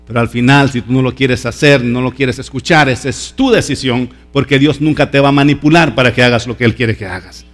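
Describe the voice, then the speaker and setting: A man preaching a sermon as pastor, emphatic and lively, acting out voices from the story. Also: mid-range voice, a little fast, few pauses, faint music behind.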